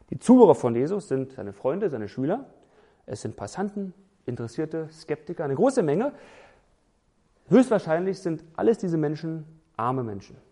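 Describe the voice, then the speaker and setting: Gravelly man preaching emphatically. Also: a little high, warm tone. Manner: emphatic, with lists and rhetorical questions. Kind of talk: sermon.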